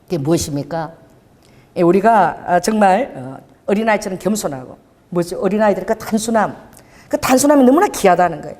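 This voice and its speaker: A woman's voice: mid-range voice, brisk, long reverb tail. A middle-aged woman pastor preaching a sermon, telling a story about her husband with acted-out dialogue and laughter. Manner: lively storytelling, acts out quoted dialogue, frequent laughter. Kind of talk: sermon with personal anecdotes. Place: church hall.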